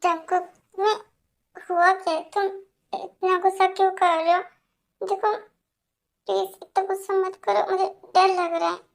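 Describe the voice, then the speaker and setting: A woman voicing a gentle young man in an amateur fan dub, pleading and then standing up for himself. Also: very high voice, normal speed. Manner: pleading, defiant.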